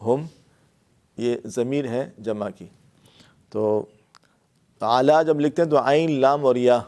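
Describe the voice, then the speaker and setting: Male lecturer, Pakistani Urdu accent, patient grammar teacher, repeats terms, mid pitch. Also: fairly even intonation, a little mellow. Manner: explains patiently, repeats words and fillers. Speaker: Quran and Arabic grammar teacher. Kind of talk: classroom lecture.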